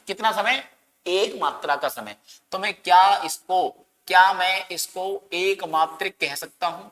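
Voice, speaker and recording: In an exam-prep grammar class, a man whose voice sits high and sounds sharp quizzes his students and then supplies the answers himself, drawing words out theatrically to stress them. Long echoing reverb fills the recording.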